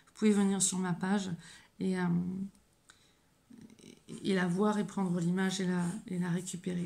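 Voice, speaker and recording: A woman medium leads a live oracle card reading, halting and restarting as she goes. Her voice has a gravelly, creaky edge at a middling pitch. She addresses her viewers gently and encouragingly. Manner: hesitant, halting, with frequent fillers and restarts. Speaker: medium and spiritual guide.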